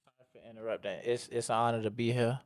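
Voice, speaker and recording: A man's voice: medium pitch, level tone, fast talker, no room sound. A man chatting casually as a podcast guest, slangy, often adding filler tags. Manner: slangy, repeats "you know". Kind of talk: casual chat.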